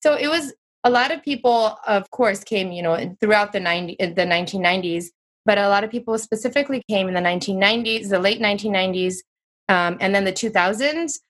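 A woman's voice: mid-range voice, fast talker, a bit bright. A woman in her thirties, a guest speaking in a chatty, reflective way with many fillers. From United States. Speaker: interview guest. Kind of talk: casual interview talk.

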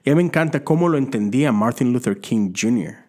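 Man, Methodist preacher, conversational sermon, rhetorical questions, middle pitch. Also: lively intonation, fast, a little mellow. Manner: chatty, full of rhetorical questions and asides.

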